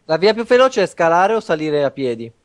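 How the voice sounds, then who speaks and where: A young man with a lively, fairly high voice. He talks casually through his moves in a tabletop game. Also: brisk. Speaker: player.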